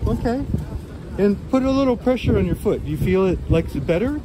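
A man with a slightly high voice prays with a stranger outside a beachfront hotel, asking gentle, coaxing questions. The phone recording carries clear outdoor noise all around him. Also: lively intonation, a little fast. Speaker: street minister. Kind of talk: street prayer conversation.

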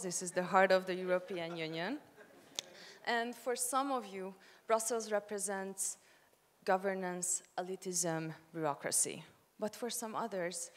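A young woman gives a measured, prepared opening speech from notes on stage, speaking into a handheld mic. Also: on the low side. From Hungary. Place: large conference hall, on stage. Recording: long hall reverb.

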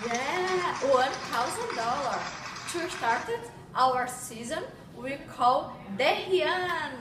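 A young woman hosting a playful mock singing contest in a slow, bubbly, deliberate way. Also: high voice, lively intonation, background noise. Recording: echoey room, far mic, chatter behind.

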